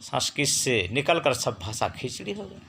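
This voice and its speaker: Man w slowly spelling out sounds, bright voice, pitch jumps around a lot. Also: vocal fry, a little hiss or hum. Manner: slow, drawn-out syllables, sounds each letter out; lively, rising and falling pitch for emphasis. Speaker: spiritual teacher. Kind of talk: teaching Hindi and Sanskrit pronunciation.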